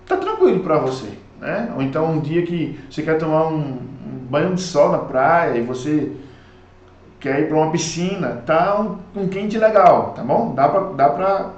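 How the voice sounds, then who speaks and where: A man with a Brazilian Portuguese accent teaching an English lesson, explaining words in a lively, chatty way and checking in with his students often. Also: on the high side, reverberant, dull audio. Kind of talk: recorded online lesson.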